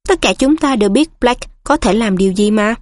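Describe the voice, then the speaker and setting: A woman voicing a pompous, portly middle-aged male minister who talks in a gruff, overly familiar way in a storybook reading. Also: fairly high pitch, lively intonation, brisk, no room sound, studio quality, natural voice.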